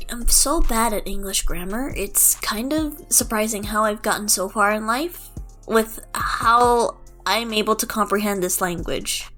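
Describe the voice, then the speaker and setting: Over background music, a woman with a medium, slightly bright voice flubs her way through roleplay recording sessions. She reads takes, mutters to herself and trips over lines in a playful, self-deprecating string of goofy outtakes.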